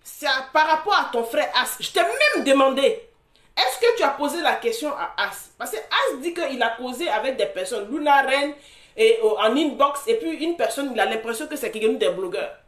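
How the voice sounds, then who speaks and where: A woman with a high, lively voice argues in a confrontational, repetitive way, often breaking into mocking laughter. Her voice swings widely in pitch. She sounds like she is in an echoey room. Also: moderate pace. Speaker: social media commentator. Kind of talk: heated live argument.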